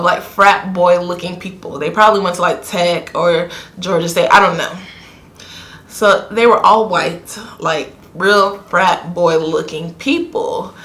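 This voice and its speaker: A young woman, telling a casual story time in a chatty, animated way full of fillers. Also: mid-range voice. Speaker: vlogger. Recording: roomy echo.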